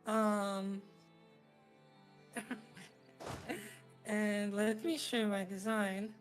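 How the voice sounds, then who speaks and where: A woman's voice: medium pitch, little pitch movement, drawn-out words. A woman streamer chatting casually over a game, her voice run through a voice changer that makes it slightly robotic. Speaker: streamer, host. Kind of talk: casual gaming stream chat. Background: music.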